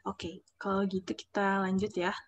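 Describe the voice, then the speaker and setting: A young woman teaches a language class over a video call in an online lesson, speaking in a mid-range voice with flat delivery at a moderate pace. She explains step by step, reads out example phrases, and checks often whether students follow.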